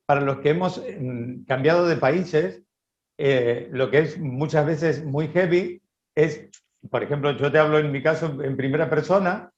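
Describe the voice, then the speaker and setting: A man's voice: fairly high pitch, a little slow. A man from Argentina with an Argentine accent, hosting an interview and reflecting on his own experience. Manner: reflective, speaks from personal experience. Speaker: interviewer, actor. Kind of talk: conversational interview. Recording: roomy, dull audio.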